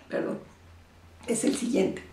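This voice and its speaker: A woman gives relationship advice as a therapist. She talks in an animated way and acts out the voices she quotes. She sounds set back from the microphone in a room with a noticeable echo. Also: very slow. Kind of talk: advice talk to camera. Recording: roomy echo, speaker far from mic.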